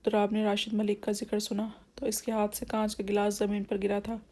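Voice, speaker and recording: A woman narrating a romantic novel in a steady, even reading. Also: mid-range voice. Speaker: audiobook narrator.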